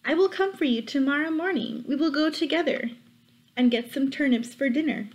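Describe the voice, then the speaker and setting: A woman's voice: sits high, voice pushed up, natural voice. A woman doing a sly big bad wolf. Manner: drawn-out, slowed threats.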